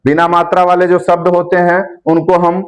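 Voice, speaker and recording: A man's voice: high voice, completely flat delivery, moderate pace. A man teaching a lesson, explaining step by step and drawing out and repeating syllables. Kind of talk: classroom lesson.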